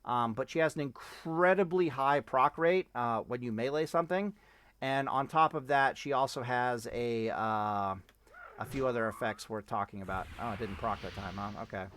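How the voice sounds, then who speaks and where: A man's voice: mid-range voice, moderate pace, fairly bright tone. A man giving casual, rambling commentary on a game, cursing and interrupting himself as he tests things. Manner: rambling, profane, self-interrupting. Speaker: gaming streamer.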